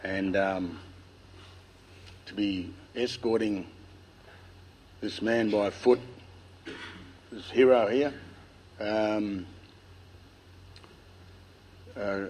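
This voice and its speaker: A man with an Australian accent and a lisp tells family history informally to listeners, nervous and halting, with a dry mouth. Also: lowish voice, steady tone, darkish tone, a little hiss or hum, rough recording. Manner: nervous, halting delivery with long pauses. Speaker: speaker telling family history. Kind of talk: informal public speech, oral storytelling.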